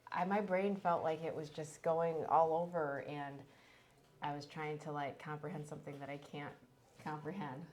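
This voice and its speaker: A woman's voice: sits low, steady tone, normal speed, a little mellow. A woman co-hosting a casual chat, hesitant and searching for words, often repeating herself. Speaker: co-host.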